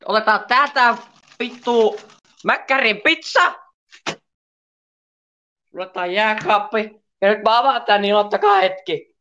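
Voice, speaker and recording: A woman's voice: medium pitch, moderate pace, long pauses, highs cut off. Woman through a clipping, distorted mic. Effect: clipping, distorted loud mic. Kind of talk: joking cooking clip.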